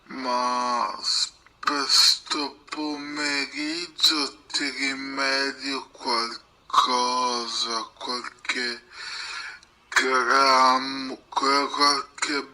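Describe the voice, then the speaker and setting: Man drawling extremely slowly, laid-back. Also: mid-range voice, level tone, pushed and bright, rough recording. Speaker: roleplay player as a supplier. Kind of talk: improvised game roleplay.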